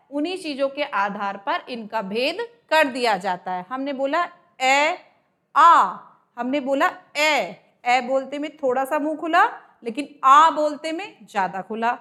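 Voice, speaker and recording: Slow, high-voiced woman teaching grammar. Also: fairly bright tone. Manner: slow, explaining, stretches out sounds to demonstrate. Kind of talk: exam-prep Hindi grammar lesson. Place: coaching class.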